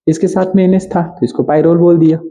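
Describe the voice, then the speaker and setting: A man teaching a chemistry lecture. He asks questions and answers them himself, repeats key terms, and drags key words out slowly. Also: a little high, steady tone, mellow, low-quality recording. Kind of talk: exam-prep lecture.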